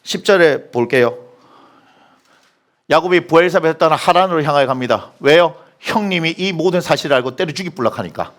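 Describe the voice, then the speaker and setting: A male pastor delivers a sermon in a church sanctuary. His voice sits high and swings widely in pitch. He keeps quizzing the congregation and then answering his own questions. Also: a little fast. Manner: animated, asks the congregation questions and answers them.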